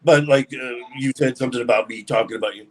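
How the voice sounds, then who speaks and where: A man on an online voice chat panel, defending himself in halting sentences. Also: mid-range voice. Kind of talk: casual panel talk.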